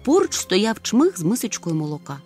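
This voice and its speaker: A woman narrating a children's storybook in an expressive, lively way. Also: mid-range voice, brisk, breathy edge, soft background music. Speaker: audiobook narrator.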